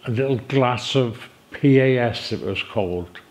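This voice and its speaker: A man's voice: mid-range voice, measured pace. An older man recounting past events vividly in an interview. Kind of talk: storytelling interview.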